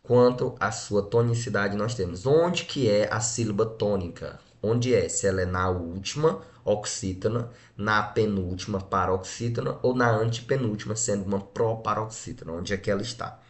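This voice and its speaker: A Brazilian man with a lowish voice and a Brazilian Portuguese accent teaches an exam-prep grammar lesson. He breaks words down syllable by syllable and checks in with short tag questions, speaking at a normal speed with few pauses.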